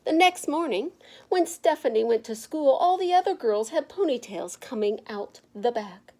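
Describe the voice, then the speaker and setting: A woman reading a picture book aloud to children in an expressive, emphatic narrating style. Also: sits high, normal speed. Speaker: children's storybook reader.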